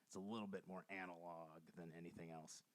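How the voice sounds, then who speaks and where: A man's voice: sits low, fairly even intonation, quick pace. Rambling enthusiastic male podcast host. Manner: rambling, enthusiastic, many fillers and restarts. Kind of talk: casual solo podcast chat.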